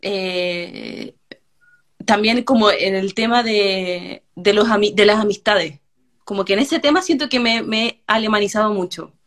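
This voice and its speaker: A young Chilean woman chatting in an interview, telling stories in an animated way and acting out quotes. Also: mid-range voice, unhurried. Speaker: guest, hairdresser. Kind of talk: casual interview chat.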